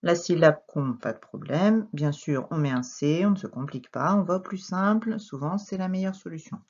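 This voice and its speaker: Woman, French accent, primary teacher, slow lively dictation, husky voice, dull lo-fi sound. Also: on the low side. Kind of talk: reading lesson for young children. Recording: dull lo-fi recording.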